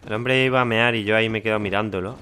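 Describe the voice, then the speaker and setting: A man's voice: fairly low pitch, steady tone, fast talker, bright, forceful tone, clean tone. A man with a Spanish accent from Spain giving casual, chatty gameplay commentary and thinking aloud.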